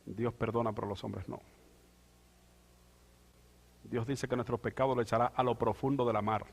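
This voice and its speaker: A male pastor preaching a sermon, moving from quiet asides to loud, drawn-out proclamation. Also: medium pitch, fairly even intonation, gravelly, slightly rough. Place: church sanctuary. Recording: church hall with long reverb.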